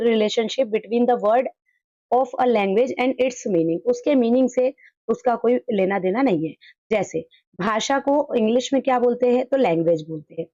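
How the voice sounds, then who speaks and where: A woman teaching an exam prep lesson. She explains in Hindi and reads English definitions out slowly. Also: on the high side, a little mellow, dry recording, muffled recording.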